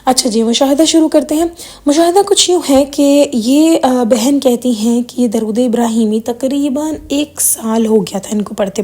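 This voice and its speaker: A woman with a hoarse, sore throat giving an earnest, informal spiritual talk to viewers, retelling a viewer's story. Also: a little high, warm tone. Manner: earnest, relays a viewer's story, mixes English words. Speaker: religious video presenter.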